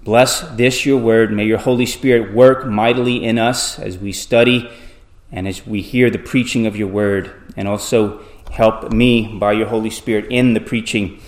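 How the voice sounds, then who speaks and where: A male pastor at a pulpit microphone, reading scripture, praying and preaching in a measured, deliberate way, with restarts as he explains. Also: fairly low pitch, fairly even intonation. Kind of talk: sermon with scripture reading and prayer.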